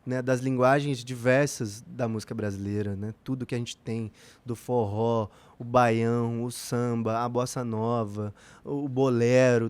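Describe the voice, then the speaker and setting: A man's voice: medium pitch, darkish tone. A man with a Brazilian Portuguese accent, a musician guest talking in a casual podcast interview, reflective and rambling with many fillers.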